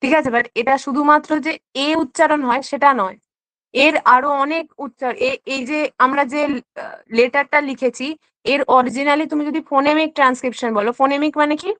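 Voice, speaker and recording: A woman's voice: high voice, fairly even intonation, a little fast, fairly bright tone, no room sound, rough recording. A woman teacher giving an online exam-prep lesson, explaining step by step, mixing in English terms and checking in often. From West Bengal.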